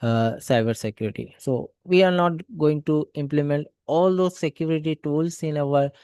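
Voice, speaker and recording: Male trainer, mellow dark voice, explains patiently, dry close sound. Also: fairly high pitch, normal speed, smooth, dry recording. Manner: explanatory, repeats okay so. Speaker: cybersecurity trainer. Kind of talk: online lecture.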